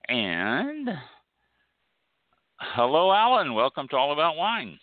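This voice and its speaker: A man's voice: a little high, wildly swooping pitch, takes it slowly, no room sound. A man hosting a live radio wine show, chatting casually and laughing now and then. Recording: phone-line sound.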